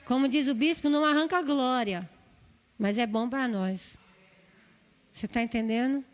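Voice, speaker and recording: In a church hall, a female preacher with a São Paulo Brazilian Portuguese accent gives a sermon at a moderate pace. Her high voice pleads earnestly, returning again and again to the same phrases, while a long reverb carries each line through the room.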